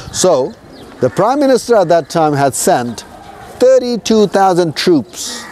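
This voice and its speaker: Talking through history with a group of tourists outdoors, a Nepali man working as a tour guide keeps it casual and conversational, checking in with them often. His voice sits a little high and has a dark tone.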